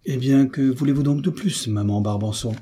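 A bold young soldier, read by a man in a storybook, lively and teasing. He is resolute and playful, with a dark, mellow, husky sound. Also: mid-range voice, moderate pace, lightly acted. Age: young adult.

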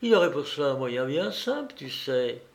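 A man's voice: mid-range voice, big pitch swings, fairly quick, vocal fry. A man reading aloud voices an anxious, tender mother who pleads with her daughter. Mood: pleading. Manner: pleading, timid, then overjoyed.

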